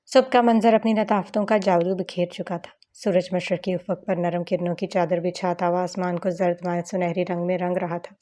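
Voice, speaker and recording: A woman's voice: fairly low pitch, little pitch movement, normal speed, few pauses, mellow. A woman narrating a romance audiobook novel in a flowing, dramatic reading style with occasional stumbles.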